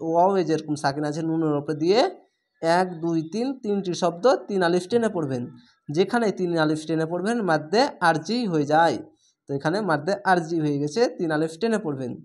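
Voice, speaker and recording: Breaking words into pieces, a man teaching reading spells out each syllable in turn and draws the vowels out long. His voice is on the high side, plain and unhurried, and he patiently says his instructions again.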